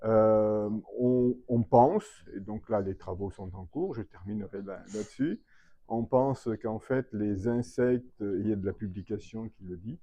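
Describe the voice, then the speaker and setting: A man's voice: fairly low pitch, unhurried, mellow, dry recording. A man, a veterinary public health professor, explaining his field in an interview with many hesitations and fillers, recorded with dull lo-fi sound. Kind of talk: expert interview answer. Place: trade fair hall.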